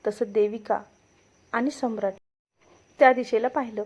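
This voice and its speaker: A woman's voice: fairly high pitch, fairly even intonation, measured pace, darkish tone. A woman reading aloud her own dramatic romance story as its narrator, telling it expressively. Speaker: story reader and writer. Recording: dull lo-fi recording.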